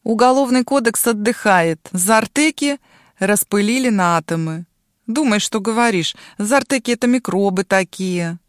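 A woman's voice: medium pitch, normal speed, dry recording, studio quality, lightly acted. A woman voicing a brash, bossy girl turned into a dragon, mocking and domineering. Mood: menacing.

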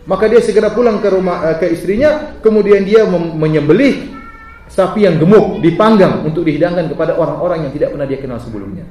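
A middle-aged man preaching a sermon to a live audience, lively and humorous, often asking the crowd questions. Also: high voice, fast talker. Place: lecture hall with audience. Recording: echoey hall, mic at a distance.

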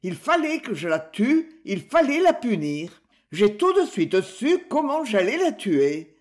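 An elderly murderess recounts her crimes in a cold, matter-of-fact voice, as the book's reader puts her on. The telling is slow and deliberate, yet the pitch rises and falls freely. It is an audiobook crime story. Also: sing-song. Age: older. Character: old woman killer confessing calmly.

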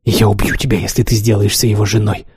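A man's voice: mid-range voice, a little fast, warm tone, husky, no room sound, clean studio sound. A man voicing a desperate, jealous young lover. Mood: impassioned.

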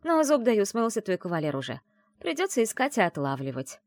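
A woman reading an audiobook and voicing a brash, teasing young woman who is the heroine's best friend, talking in a loud, mocking, bossy way. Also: mid-range voice, very animated, a little fast, no room sound, clean studio sound, voice pushed up.

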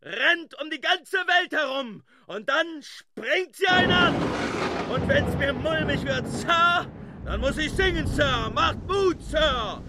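Jaunty ship's mate for radio drama: high, slow, shouting over sea noise. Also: male voice, lively intonation, exaggerated voice. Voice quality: shouting over the storm, folksy. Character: cheerful joking male ship's mate.

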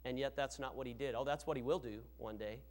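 A man's voice: medium pitch, fairly even intonation, fast talker, darkish tone. A man preaching a sermon as pastor in a church, emphatic and asking rhetorical questions.

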